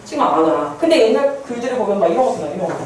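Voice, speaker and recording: A woman's voice: on the high side, big pitch swings, very fast, a little mellow. A woman teacher giving a chatty classroom lecture, often asking the class questions and answering them herself. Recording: very echoey classroom, distant mic, faint room noise.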